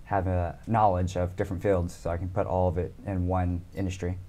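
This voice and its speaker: Speaking fairly quickly in a low-pitched voice, an American man in his thirties chats casually as an interview guest. He's relaxed, says um often, and laughs without effort.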